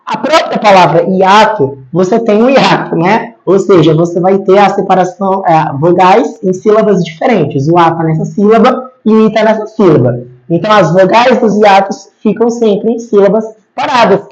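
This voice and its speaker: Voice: medium pitch, moderate pace, a little mellow. Patient teacher. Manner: patient, repeats rules, checks in with "tá?" often. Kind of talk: grammar lesson at a board. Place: teaching at a board. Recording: slightly dull lo-fi recording.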